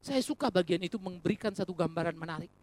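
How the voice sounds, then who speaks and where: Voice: mid-range voice, fast. A preacher delivering a sermon, speaking directly to the congregation as brothers and sisters and mixing joking asides into earnest points. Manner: animated, rhetorical, addresses congregation as brothers and sisters.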